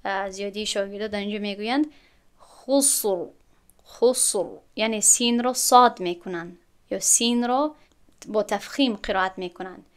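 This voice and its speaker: A woman with a Tajik accent teaching Quran recitation rules step by step, asking rhetorical questions and slowly chanting the example words. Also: medium pitch, smooth. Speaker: tajwid teacher.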